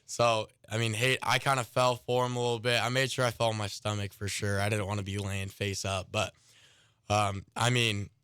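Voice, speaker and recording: A teenage boy, a high school pitcher, rambling casually through a story with lots of "like" and "I mean" in a radio studio interview. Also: little pitch movement, moderate pace, a bit bright, clear, resonant tone, no room sound. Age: late teens. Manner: rambling, many "like" and "I mean" fillers.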